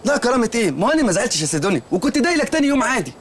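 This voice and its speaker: A man's voice: extremely high pitch, sing-song, very fast, crowd noise. An actor playing a naive, earnest male shopkeeper in a comedy film, speaking with an Egyptian accent and telling rambling, literal-minded stories. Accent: Egyptian Arabic.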